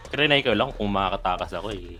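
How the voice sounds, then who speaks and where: A man's voice: fairly low pitch, animated, quick pace, pushed and bright, slight background noise. A man chatting casually with friends while playing an online game, often musing aloud. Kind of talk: casual gaming chat.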